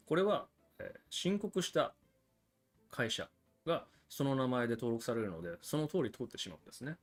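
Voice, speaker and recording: A man's voice: mid-range voice, sing-song, normal speed, soft background music. A man hosting a livestream about cigars, explaining things in a chatty, casual way with frequent asides to viewers. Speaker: cigar channel host.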